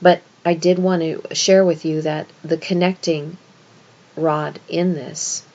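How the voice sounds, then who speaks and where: A woman's voice: low voice, fairly even intonation, slow, dark tone, dull audio. A woman giving an esoteric scripture lesson as a religious teacher, explaining in an instructive way and stressing key words.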